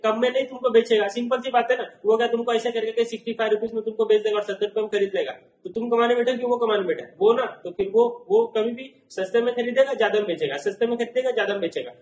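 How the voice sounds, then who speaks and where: High-voiced man, echoey lecture room. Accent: Indian. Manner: explains with everyday examples, asks the class repeated check questions. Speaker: teacher. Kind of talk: recorded classroom lecture.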